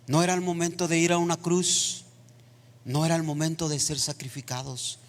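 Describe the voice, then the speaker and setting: A man preaching a sermon in a church, building into impassioned, near-shouted passages. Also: on the high side, little pitch movement, moderate pace. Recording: long reverb of a church hall.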